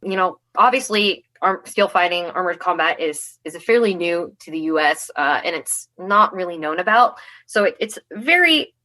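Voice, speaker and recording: A woman's voice: lowish voice, expressive, moderate pace, few pauses, sharp tone. A young adult woman from the United States, a combat athlete chatting in an interview, upbeat with many restarts. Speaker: guest, armored combat athlete. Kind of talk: casual interview.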